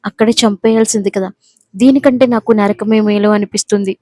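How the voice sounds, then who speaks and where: A woman's voice: medium pitch, fairly even intonation, fairly quick, mellow, no room sound, natural voice. A woman voicing a proud, wronged young wife who speaks angrily and defiantly. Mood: angry defiance. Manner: angry, pleading, defiant.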